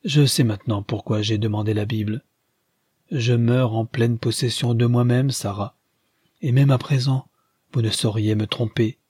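A man's voice: mid-range voice, steady tone, moderate pace, a little mellow, breathy edge, no room sound, clean studio sound, natural voice. A man reading the part of a dying former tragic actress who gives commanding, theatrical orders in a storybook reading. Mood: imperious.

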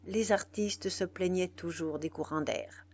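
A woman narrating a classic novel in a measured, expressive reading style. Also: fairly low pitch. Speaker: audiobook narrator. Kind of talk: scripted literary narration.

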